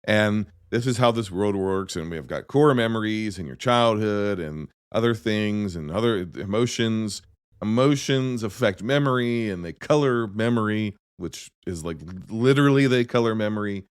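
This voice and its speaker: A man's voice: lowish voice, moderate pace, smooth, no room sound, studio quality. A man hosting a podcast, chatting casually about films, rambling and cutting himself off as he tells stories. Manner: rambling, self-interrupting, animated storytelling. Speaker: podcast host. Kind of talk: casual movie chat.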